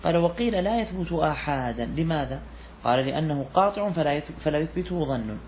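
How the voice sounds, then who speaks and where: In this classroom lecture, a man with a slightly high, expressive voice and a darkish tone talks quickly as he explains a classical jurisprudence text. The sheikh repeats key phrases and puts questions to his students; highs are cut off and there's slight background noise.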